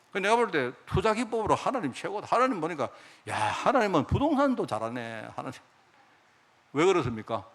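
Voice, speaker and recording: A man preaching a sermon as pastor, talking in a lively conversational way with many rhetorical questions to the congregation and acting out quoted speech. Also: a little high. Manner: acts out God's and others' speech in quoted lines.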